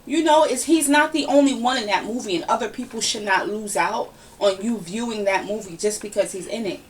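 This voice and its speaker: A woman hosting a casual podcast, giving her opinions in a lively, ranting, conversational way. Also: medium pitch, fairly quick. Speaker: podcast host. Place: home room, relaxed podcast setting. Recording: somewhat distant mic with faint background noise.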